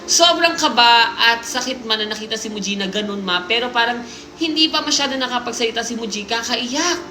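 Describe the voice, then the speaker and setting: A woman hosting a live stream, reading listener stories aloud in lively mixed Tagalog and English, with jokes and asides. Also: a little high, fairly quick, slight background noise. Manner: animated storytelling, Taglish, jokes and asides. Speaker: livestream host. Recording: roomy sound with music playing behind.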